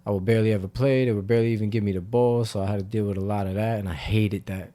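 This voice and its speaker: A young man co-hosting a podcast, telling a story in a relaxed, casual way with fillers. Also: lowish voice, very fast. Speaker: podcast co-host. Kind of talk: casual chat.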